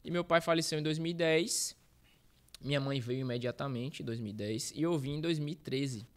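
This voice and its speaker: A man's voice: medium pitch, normal speed. A man in his thirties from Bahia, Brazil, a guest telling his life story in a casual interview, rambling and correcting himself as he goes. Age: 30s. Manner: rambling, self-correcting, uses slang fillers. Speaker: guest, street reporter.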